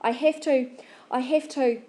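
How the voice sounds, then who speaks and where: Female reader as an urgent, hurried boy. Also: high-pitched, steady tone, mellow. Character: urgent excited young boy.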